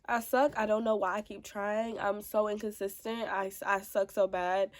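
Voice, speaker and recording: A woman's voice: mid-range voice, little pitch movement, normal speed. A woman in her twenties vlogging about motherhood, talking casually and emphatically to her viewers, with a stuffy, congested voice. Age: 20s. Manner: chatty and emphatic, calls viewers child and baby. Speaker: mom vlogger. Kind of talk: casual vlog talk to camera.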